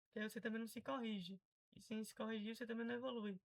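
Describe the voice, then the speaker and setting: A woman's voice: a little high, fairly even intonation, very fast, poor audio. Chatty Brazilian woman teaching pronunciation. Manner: chatty, explains patiently and repeats example words. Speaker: English teacher. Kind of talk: casual pronunciation lesson.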